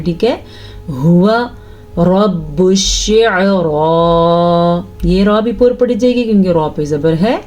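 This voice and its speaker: Female Quran tutor, patient and explanatory, slow chanted recitation, dull lo-fi sound. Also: lowish voice, mellow. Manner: explains rules patiently, asks "ٹھیک ہے؟" after each point.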